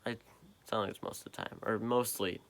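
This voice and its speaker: Recorded on a nearby propped-up phone in a silent basement at night, a tired young vlogger with a deep, steady voice drifts through a rambling monologue. He speaks haltingly, leaning on fillers and letting his thoughts trail off.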